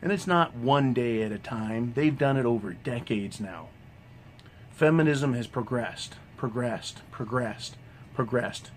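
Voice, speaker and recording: A man's voice: medium pitch, animated, measured pace, a little hiss or hum. A man ranting in a monologue vlog, swearing constantly in a combative tone and tagging "right?" onto his sentences. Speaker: vlogger.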